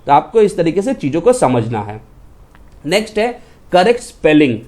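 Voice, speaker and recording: A man with a high yet mellow, warm voice teaches an exam-prep lesson. He explains patiently and slows down to read each example sentence aloud. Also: big pitch swings.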